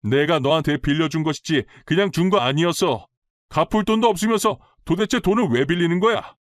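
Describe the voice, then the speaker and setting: A man's voice: mid-range voice, fairly quick, dry recording, natural voice. Stern older mother-in-law, a man reading her, firm and scolding, dry close sound. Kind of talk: storytelling drama reading.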